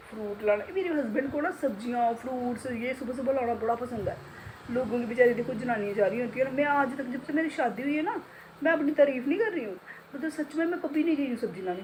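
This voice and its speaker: A woman's voice: on the high side, a little mellow, a little hiss or hum, low-quality recording. A middle-aged woman chatting casually in a home vlog, talkative and self-mocking, often breaking into laughter. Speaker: vlogger, beauty salon owner.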